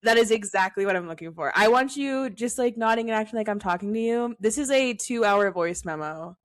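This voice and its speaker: A woman's voice: medium pitch, animated, a little fast. Young woman, podcast co-host, giggly, rambling, casual chat. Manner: giggly, rambling fan talk.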